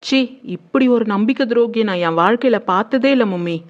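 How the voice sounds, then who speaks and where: A bitter young woman who was jilted spits out her resentment in a high, tight voice, played by an actress. The muffled lo-fi sound has the feel of a TV serial. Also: fairly quick, lightly acted. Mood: resentful. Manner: tearful then seething and spiteful. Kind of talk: TV serial acting.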